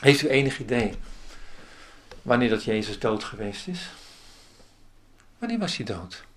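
A man's voice: mid-range voice, sing-song, unhurried, slight background noise. A man preaching a sermon as pastor, asking the congregation many rhetorical questions.

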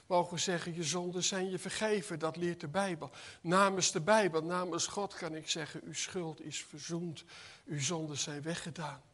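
A man's voice: sits high, bright, forceful tone. A man preaching an earnest sermon that builds to emphatic peaks, addressing his congregation in church.

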